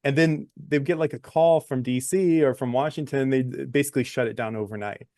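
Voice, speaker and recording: A man's voice: mid-range voice, brisk, mellow, dry recording, studio quality. A man in his thirties, a guest on a talk show, telling his story in a chatty way and laughing between phrases. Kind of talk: interview conversation.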